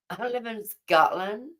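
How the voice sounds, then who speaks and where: Slow-talking woman. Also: on the high side. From Newcastle, England. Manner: rambling, chatty, answers viewers' comments aloud. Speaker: livestreamer chatting with viewers. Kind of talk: casual chat.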